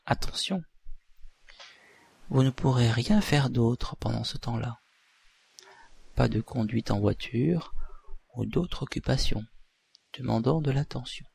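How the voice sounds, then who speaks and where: A man, a hypnotherapist leading a relaxation session in a deliberate, soothing, breathy voice with pauses. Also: mid-range voice, darkish tone. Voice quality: breathy, husky, at times near whisper.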